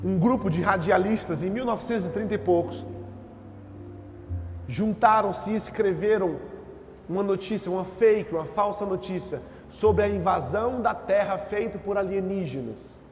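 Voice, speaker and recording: A Brazilian man preaching a sermon as pastor, breaking into shouted emphasis and swinging between soft and loud. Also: sits high, moderate pace, a little hiss or hum. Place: church hall. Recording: echoey church hall, faint music.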